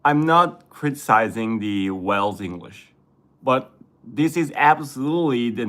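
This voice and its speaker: A Japanese man with a Japanese accent, chatting casually on a livestream and reading chat, often halting and correcting himself. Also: lowish voice, a bit bright. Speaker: vlogger reading live chat.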